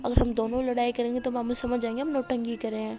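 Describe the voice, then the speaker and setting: Brief: playful young woman, calm, teasing and provoking, fairly high voice, as a woman storyteller voices her. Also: lightly acted.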